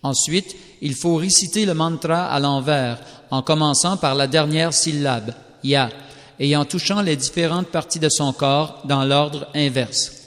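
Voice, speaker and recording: A man giving a measured, solemn scripted reading of a scripture text. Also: a little high, fairly bright tone. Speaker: scripture reader. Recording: long reverberant hall sound.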